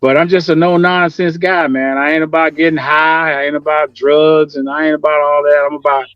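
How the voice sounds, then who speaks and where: A man's voice: on the high side, level tone, brisk, clean tone, dry recording. A man, a musician guest, speaking emphatically and plainly in a casual interview, heard through a video call. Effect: remote video call audio. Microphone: computer mic on a video call. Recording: muffled dry video call line.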